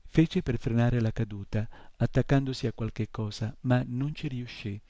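A man reading a fantasy novel chapter aloud in calm, measured audiobook narration. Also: mid-range voice, dry recording. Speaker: reader.

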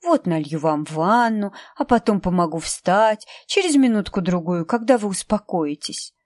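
A woman's voice: medium pitch, expressive, moderate pace, darkish tone, dry recording, studio quality, natural voice. Woman doing a cozy soothing housekeeper. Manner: soothing, decisive.

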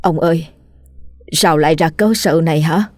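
A woman's voice: sits low, normal speed, no echo, clean studio sound, soft background music, natural voice. A woman voicing a distraught middle-aged wife who speaks in a choked, shocked voice.

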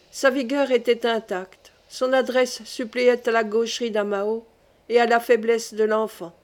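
A woman reading a prehistoric adventure novel aloud in a measured storytelling manner. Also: on the high side. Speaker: audiobook reader. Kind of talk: scripted narration of a novel.

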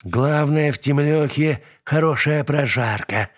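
Man putting on a shrill bossy witch mother. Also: animated, a little slow, a bit bright. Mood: gloating. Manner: shrill, commanding, gloating. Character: scheming boastful middle-aged witch mother, bossy.

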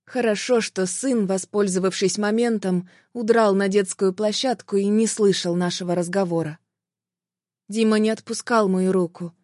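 A woman's voice: mid-range voice, steady tone, moderate pace, a little mellow, no room sound, clean studio sound. A woman narrating a tense, emotional first-person story as an audiobook.

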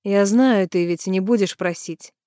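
Gentle young man read by a woman, calm storybook voice, dry. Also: high voice, a little slow, no echo. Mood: tender.

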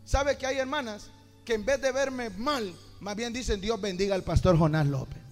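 A middle-aged male pastor delivers a fervent sermon in a high voice that rises to passionate shouts. He speaks in a large hall with a long echo while soft music plays behind him. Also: moderate pace. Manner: impassioned preaching, rising to shouts.

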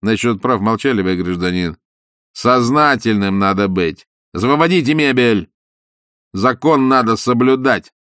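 A man's voice: mid-range voice, measured pace, fairly bright tone, dry recording, clean studio sound, close to an everyday voice. A man voicing a stern, cocky con man who talks in curt, commanding phrases.

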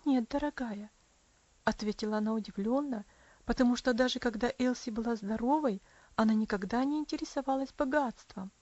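A woman narrating a sentimental story in a soft, measured manner. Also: fairly high pitch, no echo, lo-fi sound. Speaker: audiobook narrator. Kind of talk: scripted narration of a sentimental novel.

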